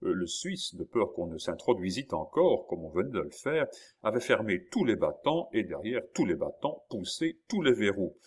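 A man's voice: fairly low pitch, sing-song, normal speed, a little mellow. A man narrating a classic novel as an audiobook, telling the story expressively.

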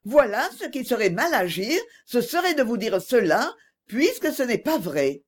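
A woman reading an audiobook voices a young woman who is gentle but firm and pleads earnestly. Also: a little high, very animated, normal speed, slightly rough. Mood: earnest pleading.

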